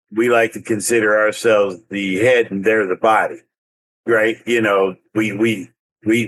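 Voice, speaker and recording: A man's voice: lowish voice, fairly bright tone, low-quality recording. A man, a veteran ambassador, explaining his group's work in an interview, often stopping and repeating words. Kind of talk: interview answers.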